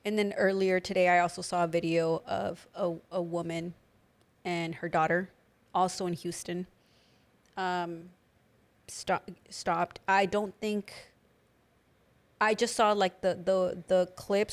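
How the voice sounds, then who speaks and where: A woman's voice: lowish voice, fairly even intonation, unhurried, long pauses. Chatty woman with a slight lisp. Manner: chatty, lots of "like" fillers. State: slight lisp from new dental aligners. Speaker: podcast co-host. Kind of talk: casual chat.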